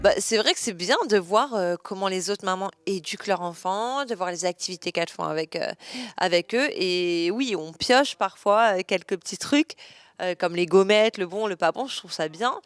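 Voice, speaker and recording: Young woman, interview guest; smooth, clear tone, dry close sound, chatty with many fillers. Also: mid-range voice, moderate pace, no room sound, soft background music. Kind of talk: casual interview answers.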